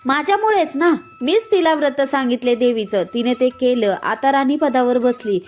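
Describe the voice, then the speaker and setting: A woman voicing a poor old beggar woman who speaks low and stern, over faint music. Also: lively intonation, normal speed. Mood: angry.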